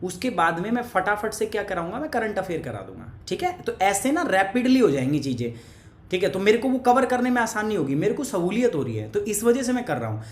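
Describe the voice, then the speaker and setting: A man's voice: high voice, sing-song, fairly quick. Joking male teacher in an echoey room. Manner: joking, teasing, talks to viewers by name. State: has a cough. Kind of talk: live online class, chatty lecture.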